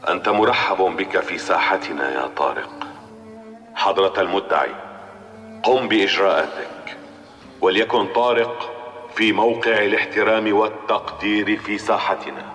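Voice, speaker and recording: A super deep ceremonial judge, old radio drama, big echoey hall with faint music. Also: male voice, normal speed, fairly bright tone. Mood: solemn. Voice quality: formal, ceremonial. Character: solemn presiding judge of a court of conscience. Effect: old radio drama broadcast. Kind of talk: 1970s radio acting.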